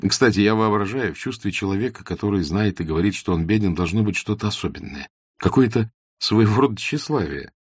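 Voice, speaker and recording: A friendly, inquisitive young man presses his questions with earnest liveliness, as a male narrator plays him. His voice is low and husky, recorded dry and close. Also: expressive, a little fast, no echo. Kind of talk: audiobook character reading.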